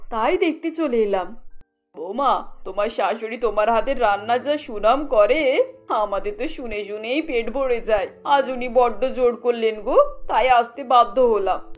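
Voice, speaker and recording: A woman voicing a greedy, flattering middle-aged aunt who visits to be fed, in a cartoon. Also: high-pitched, muffled recording.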